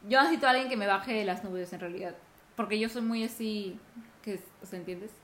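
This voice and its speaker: A woman's voice: mid-range voice, brisk, a bit bright. A young woman chatting casually as a co-host, rambling with lots of fillers. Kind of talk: casual chat. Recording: roomy echo.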